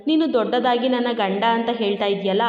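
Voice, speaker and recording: A woman's voice: a little high, a little fast, a little mellow, natural voice. A woman voicing a defiant young wife who scolds and mocks her husband with sarcasm, in a story reading. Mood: angry. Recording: dull echoey room with long reverb.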